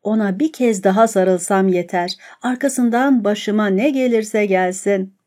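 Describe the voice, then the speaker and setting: Woman reading a brooding guilty young landowner guy, mellow dark voice, audiobook style. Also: mid-range voice, a little slow, lightly acted. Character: restless guilt-torn young married landowner man.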